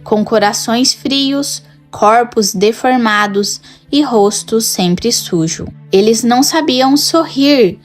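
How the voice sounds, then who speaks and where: A woman with a Brazilian Portuguese accent giving scripted narration in a measured, dramatic storytelling manner. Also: on the high side, faint music behind. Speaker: lore channel host.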